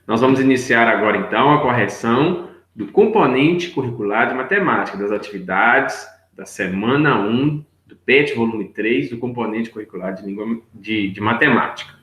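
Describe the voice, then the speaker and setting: In an echoey room, a male teacher with a medium-pitched, fairly bright voice walks young children through worksheet answers one step at a time. He speaks at a moderate pace with hardly any pauses, patiently checking in with "right?" and "look here."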